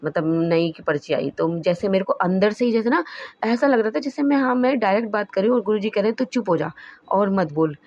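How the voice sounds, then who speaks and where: A woman's voice: medium pitch, fast, darkish tone, no room sound, dull audio. A woman sharing a devotional testimony in an earnest, emotional way, rambling and restarting, recorded as a phone voice note.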